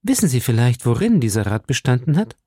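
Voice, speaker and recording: A man's voice: mid-range voice, big pitch swings, a little fast, mellow, breathy edge, no room sound, clean studio sound. A man voicing a cold, cunning noblewoman. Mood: guarded. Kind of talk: audiobook reading.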